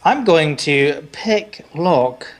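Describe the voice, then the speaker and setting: Slow-talking, higher-voiced man, playful. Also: expressive. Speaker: game player. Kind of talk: casual joking chat. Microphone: online voice call.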